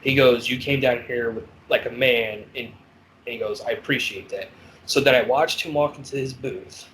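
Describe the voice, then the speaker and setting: A man on a podcast telling stories of his years as a corrections officer, in a blunt, profane, animated way. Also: medium pitch, normal speed, a little hiss or hum, rough recording. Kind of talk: casual storytelling chat.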